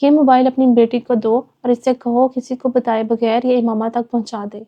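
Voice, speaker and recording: A woman's voice: on the high side, level tone, close to an everyday voice. A woman voicing a curt, commanding rich young man in a dull lo-fi recording.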